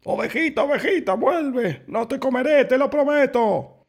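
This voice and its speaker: A man's voice: mid-range voice, animated, brisk, creaky, slightly rough. A man doing a grumbling old wolf. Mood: anguished. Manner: grumbling, exasperated. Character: grumpy old hungry male wolf.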